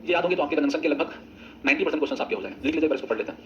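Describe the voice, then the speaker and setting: A man leads an English grammar class at a quick clip, his voice sitting a little high. He drills the students in chorus and drifts into chatty, teasing asides. The recording is muffled and carries clear background noise. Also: fairly bright tone. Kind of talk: classroom lecture with choral drills. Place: coaching classroom.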